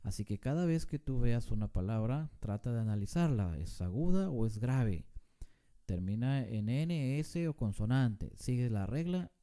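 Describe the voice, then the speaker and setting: A man explains a grammar lesson in a slow, deliberate way, leaning hard on syllables to show where the stress falls. His voice is very dark and mellow, and his pitch rises and falls in a lively, animated way. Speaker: teacher.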